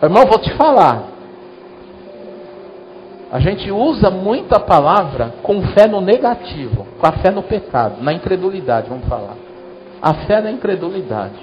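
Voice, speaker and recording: High-voiced Brazilian pastor preaching. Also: male voice, very animated, moderate pace, a little mellow, highs cut off. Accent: Brazilian Portuguese. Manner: conversational preaching, addresses congregation directly. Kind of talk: sermon. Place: church.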